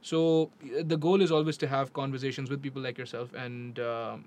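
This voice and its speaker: A man's voice: mid-range voice, level tone, moderate pace, darkish tone. A man with a Pakistani accent hosting a casual podcast, informal and emphatic, often repeating his phrases. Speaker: podcast host. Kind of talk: casual podcast chat mixing English and Urdu.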